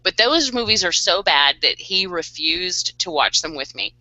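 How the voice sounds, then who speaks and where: Woman co-host, bright and dry-miked, blunt talker with a loud cackle. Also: lowish voice, lively intonation, measured pace, no echo, lo-fi sound. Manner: cackling laugh, blunt and profane. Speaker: podcast co-host. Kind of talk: casual chat.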